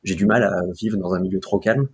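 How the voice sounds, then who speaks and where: Low, fairly quick and husky, the voice belongs to a young Marseille man appearing as an interview guest. He chats loosely about his video work, full of fillers and restarts.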